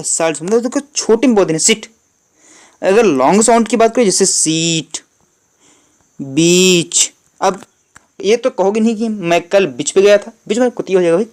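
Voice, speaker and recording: A man's voice: high voice, a little mellow. Male tutor, online grammar lesson, drills points by self-quizzing and repetition. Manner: asks questions and answers them himself, repeating key points. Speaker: English grammar teacher.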